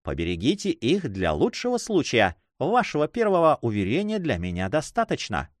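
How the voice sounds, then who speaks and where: A sharp, playful young lady full of mockery and wit, voiced by a man. Her lines leap up and down in a lively, animated way. The reading is dry and close. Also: mid-range voice, normal speed, no room sound. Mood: teasing. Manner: mocking, laughing, lively. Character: playful teasing young noblewoman, quick-witted.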